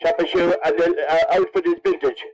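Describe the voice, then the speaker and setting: He's the jokey, teasing emcee of a horse-race best dressed contest, an Irishman from Cavan announcing and interviewing over the loudspeakers. His delivery is brisk and flat, his voice a little high with a darkish tone, and the recording is muffled.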